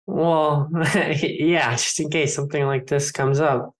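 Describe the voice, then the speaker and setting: A man's voice: fairly high pitch, fairly even intonation, slow. A man improvising a naive young boy at the opera, talking in a hesitant, fumbling way. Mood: earnest. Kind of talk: improvised comedy scene.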